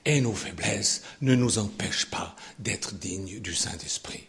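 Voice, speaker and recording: An older man preaching a sermon, sarcastic and animated, dropping to low asides and rising to shouted peaks. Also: unhurried, vocal fry.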